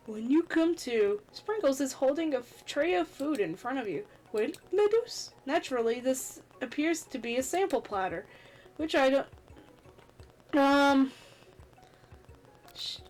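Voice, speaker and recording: A woman reading a story game's text aloud in a theatrical, expressive way, with casual commentary as a gaming host. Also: high voice, low-quality recording.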